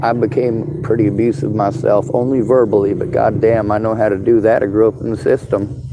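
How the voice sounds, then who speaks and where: A man's voice: fairly low pitch, level tone, a little fast. Guy w a southern sounding drawl, no teeth so kinda slurry, blunt rambly street chat, noisy outside w vehicles. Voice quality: slurred, toothless articulation. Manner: blunt, rambling, swears freely. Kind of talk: casual street conversation. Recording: clearly noisy outdoor recording with vehicle sounds.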